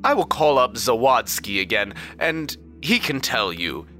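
A man voicing a small, short-tempered and pompous male cleric official with a high, fussy, indignant voice. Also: big pitch swings, measured pace, bright, forceful tone, faint music behind. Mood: defensive.

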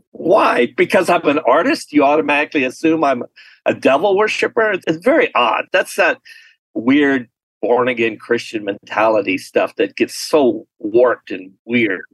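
A man from Texas, an artist being interviewed, telling stories in a lively, laughing way. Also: normal speed, breathy edge, no room sound, poor audio. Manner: animated, laughing storyteller with lively pitch swings. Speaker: artist guest. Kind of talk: casual storytelling interview.

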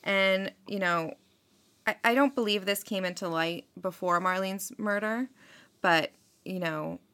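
A woman's voice: mid-range voice, measured pace, a bit bright. A woman hosting a podcast, telling a true-crime story in a casual, chatty way, with many fillers. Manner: chatty, filler-heavy, frequent "like" and "um". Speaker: podcast host.

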